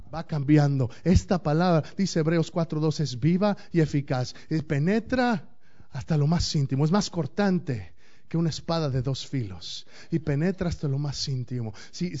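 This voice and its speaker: High-voiced preaching man, muffled recording. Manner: preaching with dramatic swings between loud declaiming and hushed intimacy. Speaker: pastor. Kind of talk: sermon.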